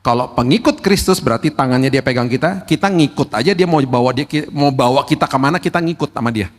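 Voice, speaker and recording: A man's voice: medium pitch, quick pace. A middle-aged male pastor preaching a sermon in a conversational way, now and then acting out the pleas of his congregation. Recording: long reverb of a church hall.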